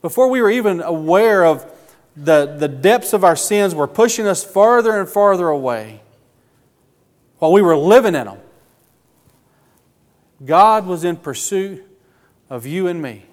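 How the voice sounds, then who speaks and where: A man's voice: high-pitched, expressive. Earnest man preaching in a reverberant hall. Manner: earnest, emotional, slow emphatic phrasing. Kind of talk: sermon.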